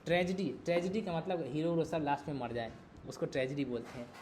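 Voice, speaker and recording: Teacher lecturing with faint hiss. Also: male voice, a little high, quick pace, darkish tone. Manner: explains by repeating and asking the class questions. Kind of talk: exam-prep lecture.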